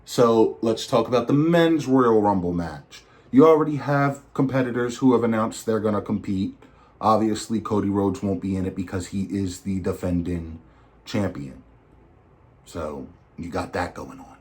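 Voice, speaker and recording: Podcast host, male, lowish voice, loose and chatty, breaks into animated rants. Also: normal speed. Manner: chatty, digressive, animated asides. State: recovering from flu. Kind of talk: casual wrestling predictions.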